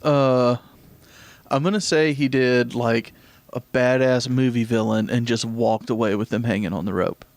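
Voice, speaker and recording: Deadpan man cracking jokes on a podcast. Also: medium pitch, normal speed, no echo. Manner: deadpan wisecracks. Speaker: podcast co-host. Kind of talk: casual banter.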